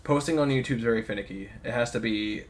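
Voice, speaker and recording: A man's voice: mid-range voice, fast. A young man co-hosting a podcast, talking loosely in casual chat, swearing freely and laughing often. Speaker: podcast co-host.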